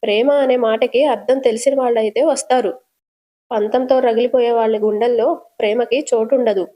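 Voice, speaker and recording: A woman's voice: fairly high pitch, steady tone, fairly quick, dark tone, lightly acted. A woman voicing a weary older mother-in-law who speaks in a resigned, bitter way.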